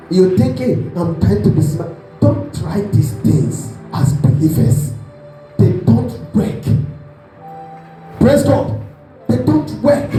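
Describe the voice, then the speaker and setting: Animated pastor in an echoey church. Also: male voice, high-pitched. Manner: animated storytelling, acts out voices, asks the congregation questions. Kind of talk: sermon. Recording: echoey hall with music behind.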